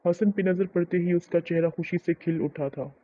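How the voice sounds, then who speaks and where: A man with a fairly high voice narrates a romance novel calmly and steadily, in a storytelling style. The recording is muffled and lo-fi. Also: normal speed.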